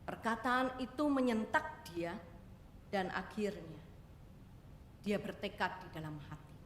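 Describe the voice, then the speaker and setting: A woman's voice: medium pitch, expressive, a little slow. A woman evangelist telling a story in a sermon, often turning to address the congregation. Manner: addresses congregation often, voices characters in quotes. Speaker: evangelist preacher. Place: church hall. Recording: echoey church hall with faint noise.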